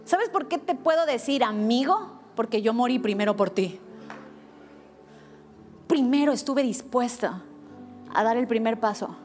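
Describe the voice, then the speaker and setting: A woman preaches with a high, bright voice. She tells her story in an animated way and acts out the quoted lines. Soft music plays faintly behind her. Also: measured pace, pauses often. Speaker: pastor. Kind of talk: sermon.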